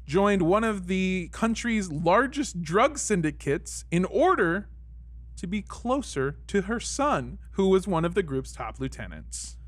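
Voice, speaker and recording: A man's voice: sits high, animated, a little slow, no echo. Laughing, joking man reading news. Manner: jokey, laughs often, rambling asides. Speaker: podcast co-host. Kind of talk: casual comedic chat, reading news items.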